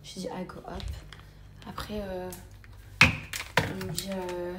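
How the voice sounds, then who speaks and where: A young woman vlogging in a chatty, confiding way, sometimes dropping to soft near-whispered asides. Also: on the low side, monotone, slow pace, very noisy. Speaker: lifestyle vlogger. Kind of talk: casual confiding vlog chat. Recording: echoey with loud background ambience.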